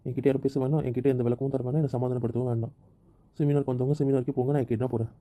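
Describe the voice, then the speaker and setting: A man's voice: medium pitch, little pitch movement, rapid-fire, warm tone, lightly acted. A man playing a hurt, sulking husband who stubbornly refuses to talk in a family skit. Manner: sulky, repetitive, stubborn.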